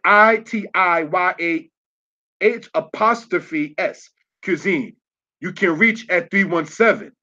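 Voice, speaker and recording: Sharp in tone and high-pitched, this man gives an online religious lesson over slides, spelling words out letter by letter and repeatedly asking "all right?" The recording quality is dull lo-fi.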